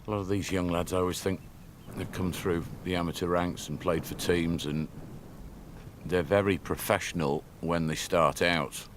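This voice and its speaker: A man's voice: low voice, steady tone, normal speed, noisy background. A man giving live golf commentary in a conversational, observational way.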